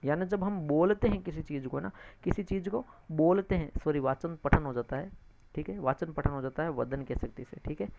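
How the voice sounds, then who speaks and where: A teacher with a gravelly, creaky voice works through exam answers one by one. The teacher repeats each point, calls listeners friends and checks in with tag questions. The recording sounds dull and lo-fi. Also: mid-range voice, fairly quick, a little mellow, slight background noise. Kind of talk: exam-prep lecture, explaining answers.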